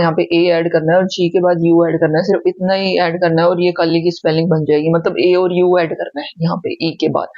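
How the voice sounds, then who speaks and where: Spelling out each word one letter at a time, a woman teacher prepares students for an exam and patiently keeps checking they're following, repeating "ठीक है?". Her voice sits on the low side and is a little mellow, with the highs cut off and no room sound.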